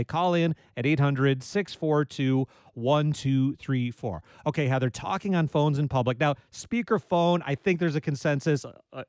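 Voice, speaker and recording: The dry recording captures a man with a slightly high voice hosting a public radio call-in show in the studio. Speaking into a studio microphone, he's easygoing and conversational, joking and poking fun at himself.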